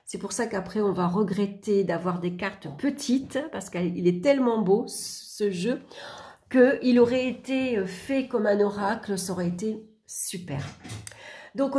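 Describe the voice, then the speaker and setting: A woman's voice: medium pitch, moderate pace, warm tone. A woman giving a casual show-and-tell of a tarot deck, chatty and full of little asides.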